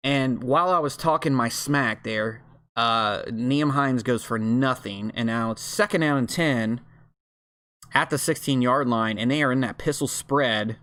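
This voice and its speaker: A man at home giving casual, informal play-by-play commentary on a football video game. He breaks into loud yells on big plays. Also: medium pitch, measured pace. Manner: chatty and informal, with fillers and slang. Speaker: league host and game commentator. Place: at home, with family in the room above.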